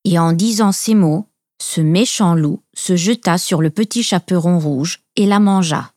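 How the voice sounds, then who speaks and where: A woman's voice: fairly low pitch, a little mellow, no room sound, clean studio sound. Woman reading a fairy tale aloud. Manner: measured, clear storytelling. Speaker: storyteller.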